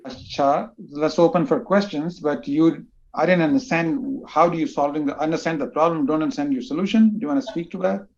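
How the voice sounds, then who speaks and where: A man moderating a pitch event, brisk and blunt in his questions. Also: darkish tone. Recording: dull lo-fi audio.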